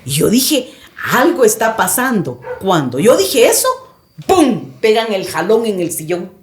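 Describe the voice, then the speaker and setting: A woman's voice: medium pitch, sing-song, measured pace, darkish tone, echoey room. A woman guest on a podcast recounting a personal experience in vivid, dramatic storytelling.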